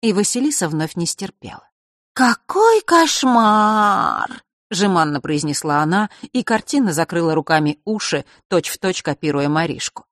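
An audiobook narrator reading a story in an even storytelling manner. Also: medium pitch, fairly quick, few pauses, no room sound, studio quality. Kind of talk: scripted narration.

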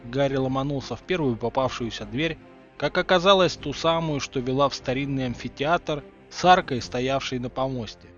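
A man reading a parody story aloud with lively, ironic narration. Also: medium pitch, moderate pace, highs cut off, soft background music. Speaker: reader.

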